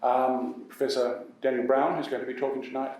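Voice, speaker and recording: A New man hosting an event as MC, talking in a halting way full of uhs and restarts. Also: mid-range voice, little pitch movement, a little mellow. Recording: echoey hall from far off.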